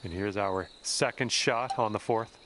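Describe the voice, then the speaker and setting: A man's voice: lowish voice, measured pace, background noise, close to an everyday voice. A man playing an upbeat, easygoing golf commentator in a video game, calling shots conversationally with exclamations. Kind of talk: sports commentary.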